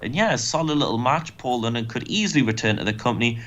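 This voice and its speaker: A man's voice: medium pitch, animated, fast talker, a bit bright. A man hosting a let's play, giving casual, joking commentary on a wrestling game. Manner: joking, wry.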